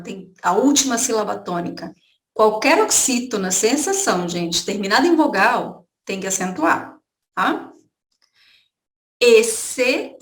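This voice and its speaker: A woman's voice: fairly high pitch, a bit bright, echoey room. A Brazilian woman teaching an online Spanish lesson, explaining points and checking in with her students. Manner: explanatory, repeats points with "tá?" and "gente".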